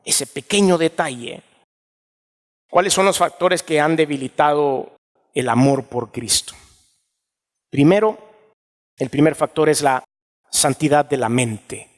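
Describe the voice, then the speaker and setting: A male pastor preaches in a somewhat high voice, building emphasis and swinging into dramatic rises. A long reverb from the church hall trails his words. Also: a little slow, pauses often. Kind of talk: sermon. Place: church sanctuary.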